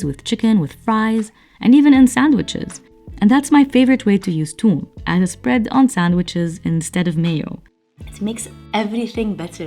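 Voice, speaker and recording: A woman's voice: mid-range voice, mellow. Playful woman hosting a cooking vlog. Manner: playful, chatty, addresses viewers as guys. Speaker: cooking channel host. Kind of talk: casual recipe vlog narration.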